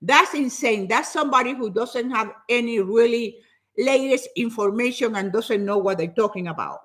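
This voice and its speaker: A woman in her seventies, a Spanish speaker by first language, chatting casually with her viewers about fitness, often repeating words as she goes. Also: on the high side. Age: 70s. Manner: lively, repeats herself, says she talks fast.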